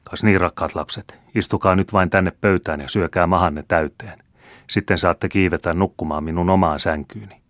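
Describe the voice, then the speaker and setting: A harsh old village witch, voiced by a man reading the tale, scolds in a low, curt voice. The recording is close and dry, with no room sound. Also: fairly even intonation, dry recording, lightly acted. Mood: stern. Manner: snapping, scolding. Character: stern old woman, short-tempered village witch.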